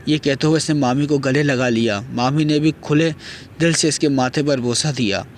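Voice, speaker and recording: A man narrating an audio novel in a steady storytelling manner. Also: medium pitch, slight background noise. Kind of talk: reading a novel aloud.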